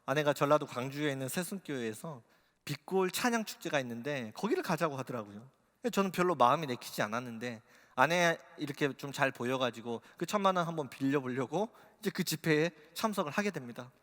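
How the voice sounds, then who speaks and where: A man's voice: on the high side, expressive, brisk, fairly bright tone. A male pastor preaching a sermon, telling a personal story with growing emotional intensity. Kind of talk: sermon testimony. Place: church sanctuary. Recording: long reverb of a church hall.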